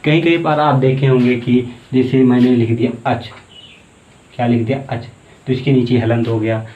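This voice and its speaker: A man teaching a basic Hindi grammar lesson, asking questions and answering them himself and repeating key words slowly. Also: mid-range voice, steady tone. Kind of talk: exam-prep grammar lesson. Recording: tinny, echoey phone-like room audio.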